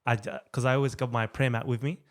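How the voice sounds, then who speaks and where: A man's voice: mid-range voice, level tone, fast talker. A man in his thirties with an Australian accent, a guest chatting casually in an interview with many fillers and restarts. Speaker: guest, rights activist.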